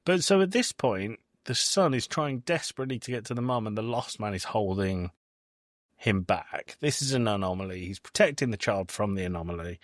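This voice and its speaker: A male podcast host with a fairly low voice talks fairly quickly in a casual, emphatic, opinionated chat reviewing a film. The recording is dry and studio-clean.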